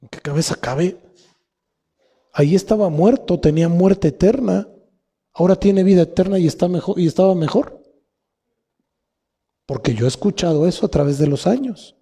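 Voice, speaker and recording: A man's voice: sits high, moderate pace, pauses often, dark tone, breathy edge. A man with a Mexican Spanish accent preaching a sermon as pastor, asking the congregation rhetorical questions. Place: church hall. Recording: long hall reverb.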